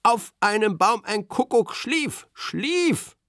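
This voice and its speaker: A man's voice: sits high, very animated, slow pace, fairly bright tone, no room sound, clean studio sound, voice pushed up, heavily acted. A man voicing a friendly, clueless grown-up mail carrier who is eager and a little self-important in a children's bedtime story. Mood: fussy.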